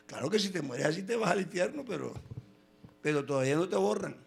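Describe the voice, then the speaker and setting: A man preaching a sermon, telling stories with quoted voices and sudden loud bursts. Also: high voice, expressive, fast, vocal fry, husky.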